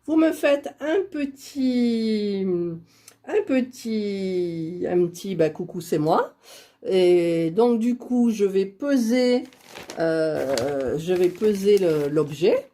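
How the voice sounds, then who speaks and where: Woman, unhurried talk, bouncy pitch, chatty, self-deprecating, laughs a lot. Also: expressive, dark tone. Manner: chatty, self-deprecating, laughing often at her own fumbling. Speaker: YouTube creator drawing giveaway winners. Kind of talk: casual screen-recorded vlog.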